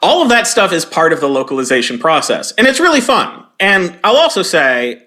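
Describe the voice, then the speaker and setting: A man's voice: sits high, very animated, brisk, pushed and bright. A man in his forties being interviewed, telling stories and acting out quoted lines in a raised voice. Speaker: guest, game localizer and comedy writer. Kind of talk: conversational interview storytelling.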